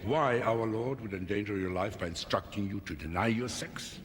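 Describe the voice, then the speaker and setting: A man playing a grave, calculating medieval inquisitor, speaking in a measured, formal, insinuating way in a film drama. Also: fairly low pitch, big-room sound, slight background noise, natural voice. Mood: solemn, questioning.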